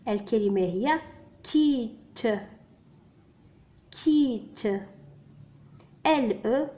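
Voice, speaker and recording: A woman's voice: on the high side, expressive, drawn-out words, warm tone. A woman teaching French reading to beginners, spelling out letters and sounds one by one and repeating each word. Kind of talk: slow spelled-out reading lesson. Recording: dull lo-fi recording.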